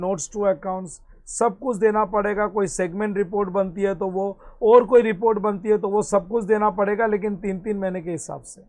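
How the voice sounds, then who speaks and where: Indian guy lecturing a class, pretty high voice, says things twice, hindi mixed with english. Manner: explains in Hindi mixed with English terms, repeats key points. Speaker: accounting teacher.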